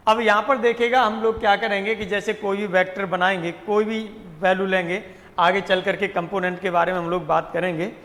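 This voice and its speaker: A man's voice: sits high, a bit bright, long reverb tail. A man teaching a math lesson. He mixes with English terms, repeats key words and asks questions he answers himself. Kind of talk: classroom lecture.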